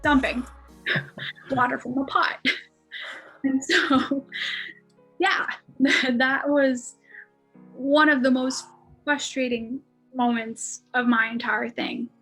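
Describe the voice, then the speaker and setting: A young American woman with a high, light voice tells a story to a podcast host. She talks casually and chattily, filling her sentences with little fillers and breaking into laughs. Faint music sits quietly behind her. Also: steady tone, takes it slowly, long pauses, husky. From United States. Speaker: podcast guest.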